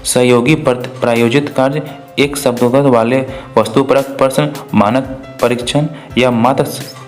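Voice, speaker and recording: A man's voice: medium pitch, steady tone, moderate pace, soft background music. Man teaching exam questions. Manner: repetitive, asks and answers his own questions. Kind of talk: spoken exam walkthrough.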